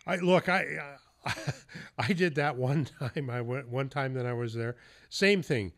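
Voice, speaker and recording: A man hosting a podcast chats casually with a guest, trading hunting tales. He talks loosely, with restarts, the odd swear word and a laugh now and then. His voice sits at an ordinary middle pitch for a man. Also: a little slow, fairly bright tone. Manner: storytelling, loose and profane, with laughs. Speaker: podcast host. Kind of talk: casual interview chat.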